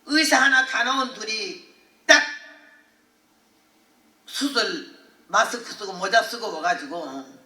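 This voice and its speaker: Brief: older woman revival preacher, high bright voice, echoey hall, mic far. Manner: earthy, animated storytelling with laughter. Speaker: missionary preacher. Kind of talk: revival sermon testimony. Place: large hall at a prayer retreat.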